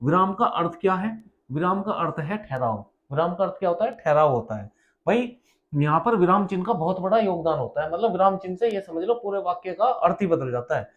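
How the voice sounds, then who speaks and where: Grammar teacher, a man with a high voice. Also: animated, a little fast. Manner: explains with rhetorical questions, repeats key terms. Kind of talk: exam-prep lesson. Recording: dull lo-fi sound.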